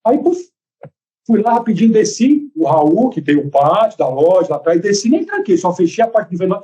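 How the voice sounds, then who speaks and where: A man with a Brazilian Portuguese accent, on trial as a defendant, relates his account to the court in a lively way, acting out what people said. His voice sits high, he speaks at a normal speed, and the recording is muffled.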